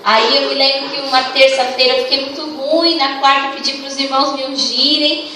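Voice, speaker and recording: A young Brazilian woman preaches to a church congregation, telling personal stories and playing out the conversations. Her voice sits high and carries through a booming, reverberant hall. She is picked up from some distance away, with faint room noise behind her. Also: steady tone, a little fast. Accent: Brazilian Portuguese. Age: young adult. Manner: warm storytelling, acts out dialogue. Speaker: youth congress leader and preacher. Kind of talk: sermon.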